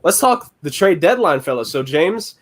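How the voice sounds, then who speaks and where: A man's voice: fairly high pitch, sing-song, moderate pace. A man co-hosting a sports podcast, chatting casually and steering the talk along. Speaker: podcast co-host.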